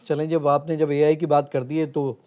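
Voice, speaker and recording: A tech app founder guests on an interview show, speaking in a fairly high, mellow voice that is slightly raised, with flat delivery. He earnestly walks the host through a live demo step by step, showing a phone as he goes.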